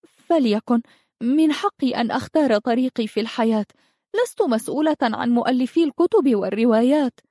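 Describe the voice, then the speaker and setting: A woman reading a storybook brings to life an insecure young fairy girl who thinks herself ugly. Her voice rides higher than the narration, anxious and wistful, full of worried questions. The sound is dry and close. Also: normal speed, warm tone, no room sound, natural voice.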